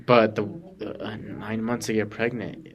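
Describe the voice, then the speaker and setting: A man's voice: fairly low pitch, little pitch movement, a little slow, dull audio, crowd noise. A man co-hosting a podcast as a real estate agent, talking bluntly and swearing casually. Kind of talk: casual chat.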